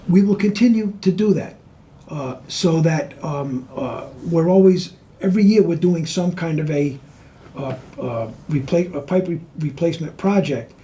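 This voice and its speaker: A man with a fairly high but mellow voice answers interview questions for a water board. He explains in a deliberate, earnest way. A faint hiss of ambient noise sits behind him. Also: poor audio. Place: on a tour of the water department.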